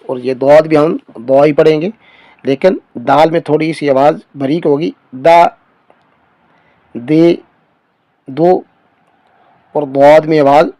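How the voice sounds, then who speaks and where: A man leads a beginner's Quran reading lesson, his fairly high voice sounding out each letter slowly and with clear stress before he explains it. The recording is dry and close, with no room sound. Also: darkish tone, no echo. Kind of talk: slow recitation lesson.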